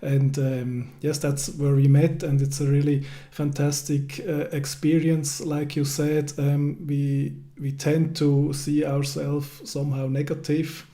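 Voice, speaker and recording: A man hosting a casual interview, speaking hesitantly with many pauses and restarts. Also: a little high, flat delivery, mellow. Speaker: host.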